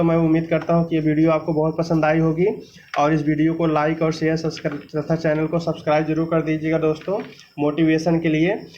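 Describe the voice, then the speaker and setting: A man with a high voice teaches a grammar lesson in a dull, lo-fi recording. He asks his students questions, answers them himself, and sounds out syllables as he goes. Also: darkish tone, slight background noise. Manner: demonstrates sounds aloud, repeating syllables.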